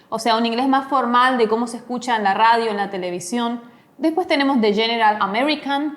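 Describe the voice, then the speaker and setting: Woman, fairly high voice, English teacher, patient step-by-step explanations. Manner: explains slowly, demonstrates English pronunciation. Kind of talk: recorded online lesson.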